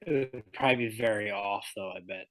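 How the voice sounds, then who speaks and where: A man's voice: on the low side, a little fast, fairly bright tone, dry recording, rough recording. A man co-hosting a podcast from his laptop, apologizing and fumbling with his setup while his voice breaks up on a bad call connection. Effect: voice breaking up over a bad call connection. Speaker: podcast co-host. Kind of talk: casual chat. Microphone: laptop video call.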